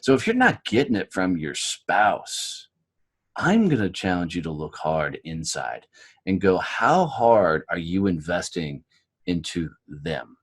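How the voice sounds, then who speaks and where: An American man telling his story as a podcast guest, blunt and animated, swearing freely. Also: low voice, slow pace, breathy edge. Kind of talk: candid interview storytelling.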